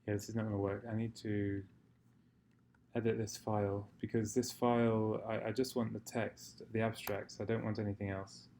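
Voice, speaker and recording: A man improvising a software walkthrough, hesitant and fumbling for words as he thinks aloud, in a gravelly voice. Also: fairly low pitch, level tone, moderate pace. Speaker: software tutorial presenter. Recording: faint noise, keyboard typing and clicks. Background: computer keyboard typing and mouse clicks.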